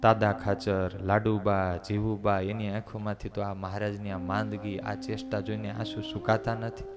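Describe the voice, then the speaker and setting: A man preaching a devotional sermon, narrating expressively and dropping low for tender moments. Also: level tone, normal speed, over music.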